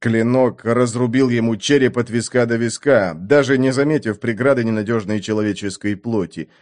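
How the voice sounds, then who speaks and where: A man narrating an adventure audiobook with a vivid, expressive reading. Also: mid-range voice, normal speed.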